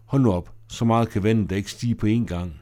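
A man's voice: fairly low pitch, warm tone, close to an everyday voice. A man voicing an argumentative, skeptical woman in an audio drama. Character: argumentative woman who turns fearful.

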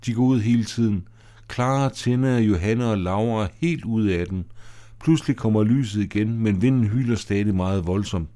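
Man, narrator, audio drama stage directions, steady reading, lowish pitch, dark mellow tone.

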